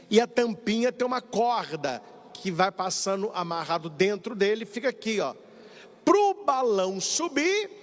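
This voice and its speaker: In a live-broadcast sermon that also carries announcements, a priest with a high male voice brings his stories to life by performing each character's lines. The large sanctuary gives his voice a long, echoing reverb.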